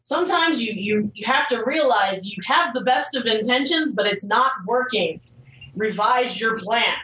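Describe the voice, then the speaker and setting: A woman co-hosting a podcast, chatting casually with quick, blunt jokes. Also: a little high, pushed and bright. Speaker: podcast co-host. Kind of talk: casual chat. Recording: roomy and distant from the mic, faint music.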